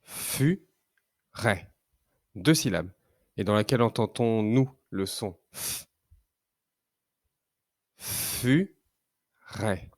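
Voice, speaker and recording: A man teaching young children to read, sounding out syllables slowly and carefully. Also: on the low side, a little mellow, dry recording, studio quality. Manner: slow, careful, drawn-out syllables. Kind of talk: slow reading lesson for young children.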